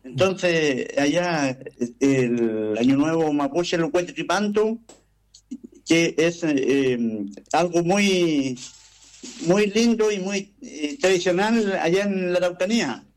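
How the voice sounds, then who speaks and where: Hesitant man with a higher voice. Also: slow pace, rough recording. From Chile. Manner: hesitant, many filler sounds, gentle. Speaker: radio guest. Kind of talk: conversational explanation.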